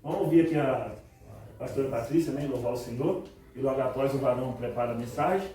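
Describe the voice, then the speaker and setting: A church leader briskly announcing the order of the service to the congregation. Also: medium pitch, warm tone, a little hiss or hum. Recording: echoey church hall from far off.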